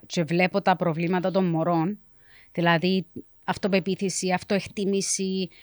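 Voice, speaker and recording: A woman's voice: fairly low pitch, flat delivery, dry recording. Emphatic Cypriot Greek woman in a dry recording. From Cyprus. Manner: emphatic, frequently switches into English. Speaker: educational coach and mentor, interview guest. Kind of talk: conversational interview.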